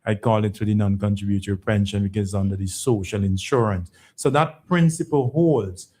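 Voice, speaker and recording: A man's voice: lowish voice, normal speed, mellow. A man speaking as an executive guest on a phone-in, explaining policy emphatically, repeating words and often checking with a questioning tag. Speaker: pension fund chief executive, programme guest.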